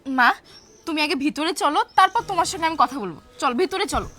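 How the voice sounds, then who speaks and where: A woman's voice: high-pitched, lively intonation, quick pace, pushed and bright, soft background music. A woman playing a young married daughter who pleads with and soothes her angry mother. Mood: pleading.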